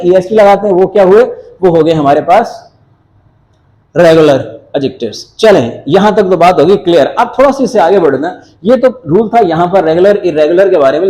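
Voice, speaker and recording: A man's voice: high-pitched, dark tone, low-quality recording. A male teacher giving a grammar lecture, explaining step by step, repeating words and mixing in English phrases. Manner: repeats words to drill them.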